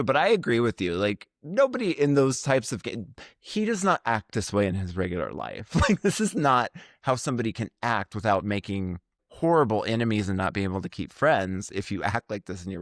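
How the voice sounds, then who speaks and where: Lively low-voiced man chatting. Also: dry recording, clean studio sound. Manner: animated, chatty, laughs often. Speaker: podcast co-host. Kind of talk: casual reality TV recap chat.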